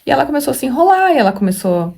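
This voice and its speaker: A woman's voice: sits high, very animated, rapid-fire, vocal fry, darkish tone. A woman who is a mother and hosts a spiritual study channel, thinking aloud in a casual reflective teaching talk, rambling with many fillers and restarts. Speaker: mother of a young daughter.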